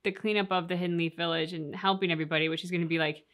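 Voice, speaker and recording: She talks very fast in a steady, fairly low, slightly bright voice. As co-host of a reaction show, she casually and thoughtfully unpacks a game's story, explaining her thinking in detail.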